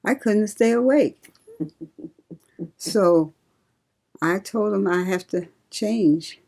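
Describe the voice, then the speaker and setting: An older woman from Ohio, a retired nurse, reminiscing slowly and laughing often in an oral history interview. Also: medium pitch, dark tone. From Cincinnati, Ohio.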